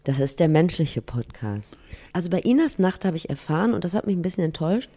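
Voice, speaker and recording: A woman's voice: on the low side, big pitch swings, a little fast, dark tone. A woman co-hosting a casual podcast, teasing her partner and prodding him with questions. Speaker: podcast co-host. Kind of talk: casual chat.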